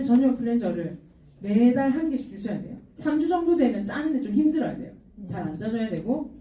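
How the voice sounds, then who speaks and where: A middle-aged woman giving a lively sales seminar, laughing often and acting out her customers. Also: on the high side, a little hiss or hum. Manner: animated, laughing, acts out quoted customers. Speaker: product seminar speaker. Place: seminar hall. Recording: roomy hall sound from far off.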